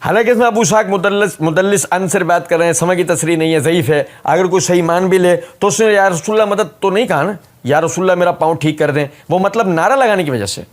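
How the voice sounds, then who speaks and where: A man's voice: sits high, few pauses. A man giving a polemical religious talk as a rebuttal, speaking in an emphatic, sarcastic, mocking way.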